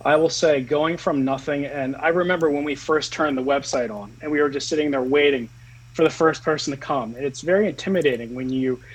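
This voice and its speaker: A man speaking as the founder of a company in a casual interview, earnest, slowing down on key words. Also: fairly high pitch, breathy edge, poor audio.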